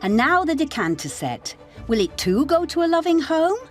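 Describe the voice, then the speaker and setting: A woman's voice: high voice, big pitch swings, moderate pace. A woman reading a scripted television voice-over as narrator, with a playful delivery. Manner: playful, punning. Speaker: narrator of an auction show. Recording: light music under narration.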